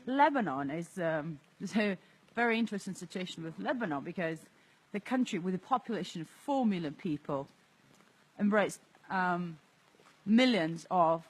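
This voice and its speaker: Soft spoken guy streaming live outside, thoughtful, second-language english. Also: high voice, slightly rough. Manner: soft-spoken, reflective, laughs often. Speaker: livestream host. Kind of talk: casual livestream vlog. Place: outdoors in an abandoned area.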